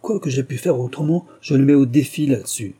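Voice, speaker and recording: A man reading an audiobook and voicing a sneering male squire who speaks sharp and defiant. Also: mid-range voice, fairly quick, slightly rough, pitched above the performer's own voice. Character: arrogant angry young male squire, sneering.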